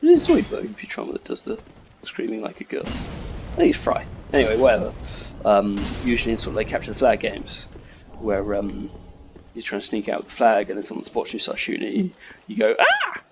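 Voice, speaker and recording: A man chatting casually while playing a game, drifting off topic, swearing freely, and now and then yelling at enemies in sudden high bursts. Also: huge pitch swings, fairly quick, slight background noise. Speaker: gamer commentating his playthrough. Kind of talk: casual rambling gameplay commentary.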